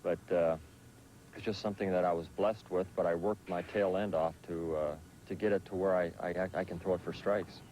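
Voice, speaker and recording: Speaking at a moderate pace, a Dutch-born professional pitcher in his thirties who grew up in Southern California handles interview questions in a laid-back manner full of fillers. The recording is rough, with slight background noise.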